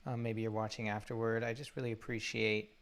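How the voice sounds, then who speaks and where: Halting man leading a guided meditation. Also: on the low side, little pitch movement. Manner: halting, many fillers and restarts. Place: undisclosed spot while traveling. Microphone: laptop or phone mic.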